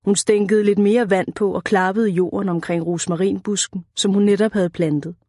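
A woman's voice: mid-range voice, fairly even intonation, dark tone, no room sound. Dry, close woman narrating an audiobook.

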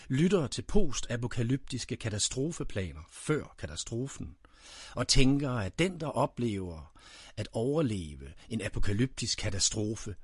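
A man reading dark, brooding spoken-word poetry, addressing a "you" directly. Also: medium pitch, slightly rough, no echo, studio quality.

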